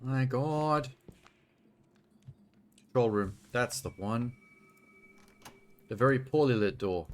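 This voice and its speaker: A man's voice: mid-range voice, slow pace, pauses often. A man giving casual, nervous commentary to himself while playing a horror game. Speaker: video game streamer.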